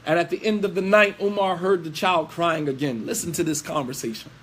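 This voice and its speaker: A man with a high-pitched voice preaches with force, scolding his listeners through pointed rhetorical questions. He tells the story in plain lecture style and slips in recited Arabic phrases. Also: fairly quick, fairly bright tone, a little hiss or hum.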